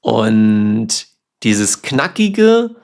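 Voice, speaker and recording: A man's voice: lowish voice, big pitch swings, drawn-out words, a little mellow. A man from Germany hosting a language podcast, explaining words patiently with simple examples. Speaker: German teacher, podcast host. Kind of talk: slow, clear teaching talk.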